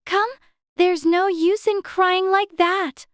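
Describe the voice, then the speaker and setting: A woman's voice: very high-pitched, steady tone, slow pace, no room sound, clean studio sound. A woman voicing a curious, self-scolding little girl in a dramatized storybook audiobook. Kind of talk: dramatized audiobook character acting.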